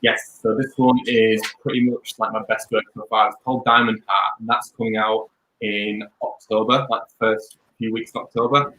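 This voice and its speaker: A man's voice: fairly low pitch, little pitch movement, normal speed, pushed and bright, slight background noise. A young man, chatting upbeat and rambling as a DJ guest on a video call. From Leeds, England. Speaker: DJ and music producer guest. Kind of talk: casual interview chat. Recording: echoey room over video call.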